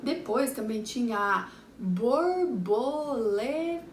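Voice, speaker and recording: A woman's voice: a little high, expressive, measured pace. A Brazilian woman, a primary school teacher, reviewing a lesson for young children and sounding out words syllable by syllable. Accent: Brazilian Portuguese. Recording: echoey room, far from the mic, faint background hum.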